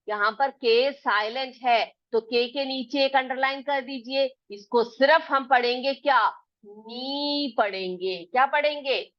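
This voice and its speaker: A woman teaching young students in a classroom lesson, speaking in a patient way and repeating her questions and answers. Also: high voice. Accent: Hindi. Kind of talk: classroom lesson explaining silent letters. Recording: dull lo-fi recording.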